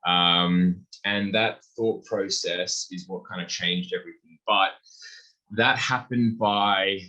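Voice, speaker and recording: Speaking slowly in a deep voice with the highs cut off, a young beverage company founder guests on a podcast. The interview is casual and conversational, and he animatedly acts out dialogue as he tells his stories.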